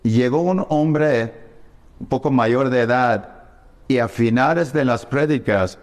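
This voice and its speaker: A man's voice: mid-range voice, a little slow, long reverb tail. A man, a pastor from the United States, telling his personal testimony in an earnest, emotional way.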